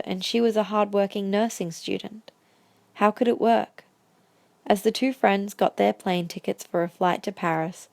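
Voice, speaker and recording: A woman reads a scripted audio drama in story prose, her medium-pitched voice slightly mellow with some vocal fry. The recording is close and very dry.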